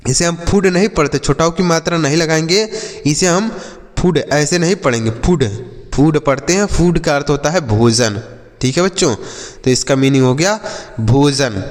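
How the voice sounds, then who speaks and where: A man teaching children to read English words, slowly drilling each sound and quizzing his pupils. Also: a little high, in a large hall. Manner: patient, slows to drill words and quiz pupils. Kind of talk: classroom reading lesson for children.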